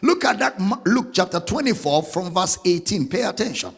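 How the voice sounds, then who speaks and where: Husky, lively preacher. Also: male voice, high voice, big-room sound. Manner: animated preaching, sings out scripture, spells words slowly. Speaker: pastor. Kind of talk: sermon.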